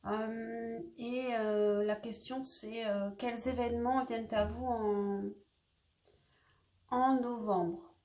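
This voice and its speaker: A woman's voice: fairly high pitch, steady tone, slow, darkish tone. A woman doing a casual tarot reading, talking hesitantly with lots of fillers and restarts. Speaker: tarot reader. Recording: echoey room.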